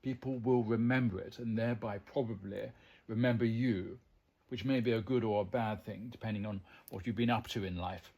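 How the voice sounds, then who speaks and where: Here the English host of a language channel talks at a moderate pace in a lowish, steady, slightly mellow voice. It's a thoughtful monologue addressed to the listener, scholarly and roundabout, with plenty of ums and digressions.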